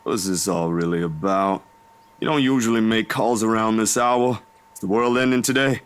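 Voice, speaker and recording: Guy doing a sleepy young dude on the phone, a bit low, grumbly and blunt. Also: moderate pace, clean tone, close to an everyday voice. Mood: wry. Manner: drowsy, grumbling, then earnest. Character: groggy young man woken early by a phone call. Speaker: character dialogue in a visual novel voice dub.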